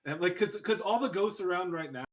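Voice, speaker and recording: A young man hosting a casual podcast chat, animated, swearing freely and laughing often. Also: high voice, brisk. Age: young adult. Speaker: podcast host.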